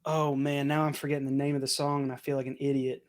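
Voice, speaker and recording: A man's voice: medium pitch, little pitch movement, fast talker. A young man co-hosting a podcast, chatting casually and rambling with lots of "like". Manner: rambling, uses "like" a lot. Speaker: podcast co-host. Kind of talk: casual chat.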